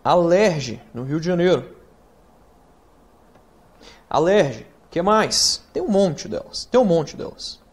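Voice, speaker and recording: A Brazilian man teaching writing in an online course, talking straight to the student with rhetorical questions and spelling acronyms out slowly letter by letter. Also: sits high, big pitch swings. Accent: Brazilian Portuguese. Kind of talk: recorded online lesson.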